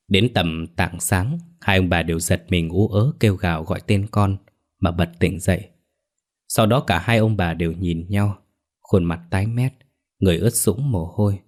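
Deep-voiced storyteller. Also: male voice. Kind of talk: ghost story narration.

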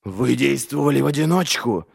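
A man voicing a stern crippled male inquisitor who questions prisoners slowly and coldly. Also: medium pitch, expressive, gravelly, breathy edge, dry recording, voice pushed up, full character voice. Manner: slow, cold, deliberate questioning.

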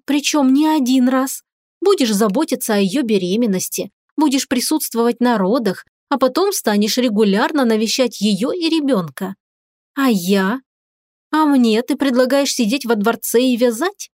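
A woman playing a sharp-tongued young wife. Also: a little high, dry recording, studio quality. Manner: indignant, sarcastic, impassioned.

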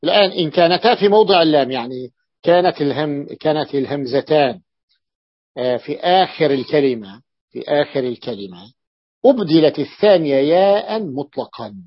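Husky-voiced man teaching a lesson. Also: on the high side, animated, dry recording, highs cut off. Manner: explains slowly, repeats words, asks the class questions. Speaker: teacher of Arabic morphology. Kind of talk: classroom lesson.

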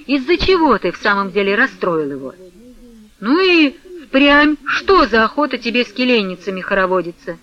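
A reproachful townsman , as a male reader puts him on, chiding in a high, bright voice over a dull radio recording. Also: very animated, normal speed, full character voice. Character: reproachful man urging respect for elders.

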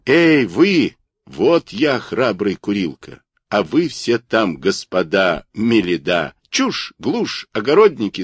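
A man's voice: on the low side, fairly bright tone, husky, dry recording, clean studio sound, exaggerated voice. A man voicing a boastful, quarrelsome little male toy figurine with a bragging, squealing manner.

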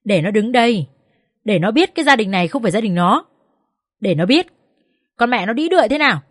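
Woman doing a screeching enraged mother-in-law from an audiobook, raised high and harsh. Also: lively intonation, normal speed, no room sound, studio quality, close to an everyday voice. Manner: shrieking, hurling insults. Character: furious abusive older mother-in-law.

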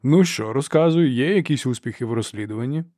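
A man's voice: medium pitch, expressive, quick pace, warm tone, no echo, natural voice. A man voicing a stern old male churchman who speaks in dry, clipped questions. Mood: cold, impatient. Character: old stern male archlector, cold and imperious.

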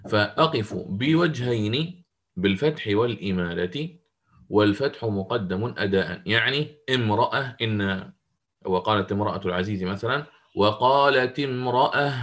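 A man leads an online class on Quranic recitation. His voice sits at an ordinary middle pitch. He walks through each rule step by step and keeps stopping to question his students. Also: fairly bright tone. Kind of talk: interactive online lesson.

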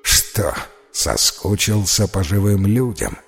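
A man's voice: fairly high pitch, big pitch swings, measured pace, a little mellow, husky, faint music behind, pitched above the performer's own voice, heavily acted. A man voicing an ironic, philosophical ghost who talks in a mocking, lecturing way.

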